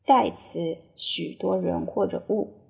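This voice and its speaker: A woman teaching English vocabulary in Chinese, saying each word three times slowly before giving its meaning. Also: on the low side, gravelly, dark tone. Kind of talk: slow word-by-word spelling and dictation drill.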